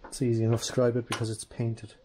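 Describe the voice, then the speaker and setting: A restoration vlogger talks fast in a mid-range voice, with slight background noise, while giving casual how-to narration in his garage workshop. He stays relaxed, thinks aloud as he works, and keeps calling viewers "guys."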